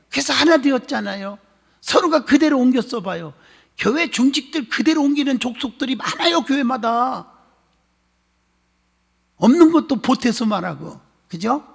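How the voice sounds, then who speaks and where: A male pastor preaching a sermon, telling a story with animated gusto and calling on the congregation for amens. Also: extremely high pitch, creaky, slightly rough. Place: church sanctuary. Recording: long church hall reverb.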